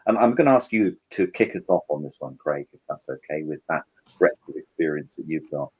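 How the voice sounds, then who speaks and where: A man's voice: extremely low pitch, lively intonation, brisk, darkish tone, breathy edge, highs cut off. A man chairing a webinar panel on a video call, politely handing over to each speaker and inviting questions. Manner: polite, chatty moderator with restarts.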